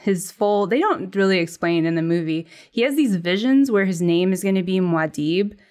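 A woman's voice: fairly low pitch, lively intonation, normal speed, darkish tone. A young woman chatting casually, rambling with many fillers as she explains. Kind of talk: casual chat planning a comedy sketch.

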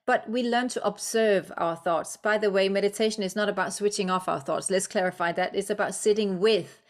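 Speaking fairly quickly in a medium-pitched voice, this Danish-born woman appears as a guest on a podcast, where she works as an author and coach. Danish is her native tongue, but she speaks English here, reflective and encouraging and often using fillers.

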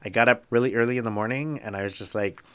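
A middle-aged man chatting as a podcast guest, hesitant and halting with many restarts and fillers. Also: medium pitch, clean tone. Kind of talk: casual podcast chat.

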